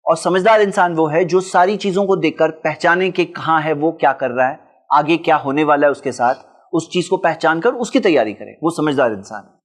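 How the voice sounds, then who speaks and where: A man's voice: on the high side, normal speed. A man giving a religious talk and answering audience questions, explaining his points through lists of examples.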